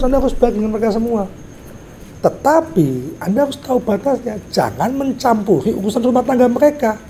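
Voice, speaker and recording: High-voiced business mentor lecturing. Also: male voice, slight background noise. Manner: asks the audience rhetorical questions; acts out little dialogues in a softer voice.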